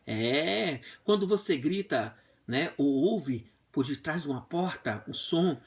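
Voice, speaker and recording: Male physics teacher, super lively voice going up and down, jokey, telling stories at the whiteboard. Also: fairly high pitch, takes it slowly. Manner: animated and playful, acts out stories. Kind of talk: lively classroom lesson with comic anecdotes. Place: classroom with a whiteboard.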